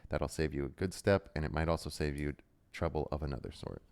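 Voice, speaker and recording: A gruff, kindly old hobbit farmer speaking in a low, smooth drawl, as a male reader puts him on. He sounds plain and homely, like a storybook country host. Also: brisk, darkish tone. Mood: hospitable.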